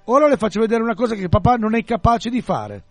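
A man's voice: high voice, lively intonation, fast, no echo, faint music behind, voice pushed up. A man voicing the spirit of a cheerful little girl who talks in childlike broken phrases during a reading. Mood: chirpy.

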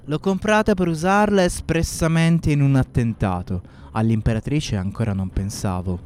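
A man's voice: mid-range voice, moderate pace, darkish tone, slight background noise, lightly acted. An actor playing a defiant young male anarchist giving curt, terse answers in a historical radio drama.

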